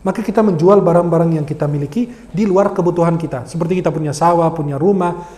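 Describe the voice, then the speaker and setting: A man preaching an Islamic sermon, telling lively stories and acting out the people in them. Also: high voice. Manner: lively storytelling, acts out quoted voices, laughs. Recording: long hall reverb.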